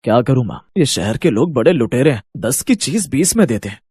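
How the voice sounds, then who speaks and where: A man's voice: mid-range voice, very animated, a little fast, a little mellow, breathy edge, dry recording. A man voicing a tired, hardworking elder brother in a cartoon story, grumbling about prices in town. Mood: weary. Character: weary hardworking elder brother, young adult farmer.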